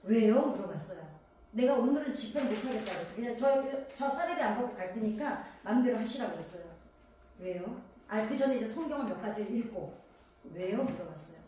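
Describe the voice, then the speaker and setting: A woman's voice: medium pitch, expressive, a little fast, mellow, far from the mic, slight background noise. Woman preaching in a very echoey hall. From Gangwon Province, South Korea. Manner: conversational preaching full of rhetorical questions to the congregation. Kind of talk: sermon.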